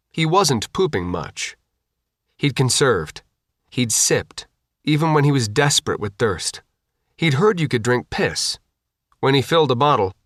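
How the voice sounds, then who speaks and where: A man's voice: medium pitch, a bit bright, dry recording, clean studio sound. A man reading an audiobook in a plain, matter-of-fact storytelling voice. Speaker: audiobook narrator. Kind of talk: scripted audiobook narration.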